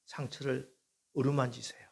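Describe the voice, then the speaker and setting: Husky male pastor telling a sermon story. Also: mid-range voice, little pitch movement, moderate pace, darkish tone. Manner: acts out quoted prayers and dialogue, voice rising with emotion.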